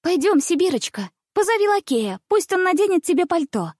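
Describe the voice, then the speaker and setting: A woman's voice: high voice, lively intonation, moderate pace, no room sound, studio quality, pitched above the performer's own voice. Woman doing a spoiled, bossy little princess. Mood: capricious. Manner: bright, bossy, giggly. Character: spoiled rich little princess girl, capricious.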